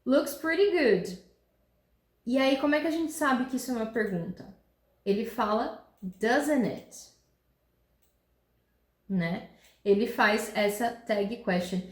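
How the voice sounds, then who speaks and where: A woman teaching an English grammar lesson in Portuguese. She explains patiently, often checks in with "tá?" and "né?", and reads her English examples slowly and clearly. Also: on the high side. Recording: roomy echo.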